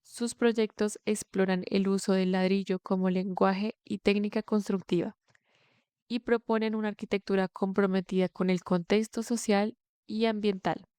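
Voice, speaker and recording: Flat-voiced woman reading an intro. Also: medium pitch, clean tone, no room sound, studio quality. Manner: measured, scripted delivery. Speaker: podcast interviewer. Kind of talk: read introduction.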